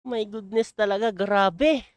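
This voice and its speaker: A man's voice: high voice, background noise. A man hosting his own channel, giving chatty reaction commentary on a video clip, exclaiming, chuckling and repeating lines from it. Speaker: YouTuber host.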